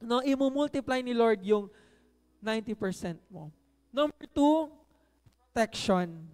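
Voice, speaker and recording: A man's voice: very high-pitched, animated, unhurried, darkish tone, smooth, big-room sound, soft background music. A man giving a conversational sermon in Tagalog and English, often checking in with the audience with "No?" and hitting key words with emphasis. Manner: frequent "No?" tag questions to the audience. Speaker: preacher.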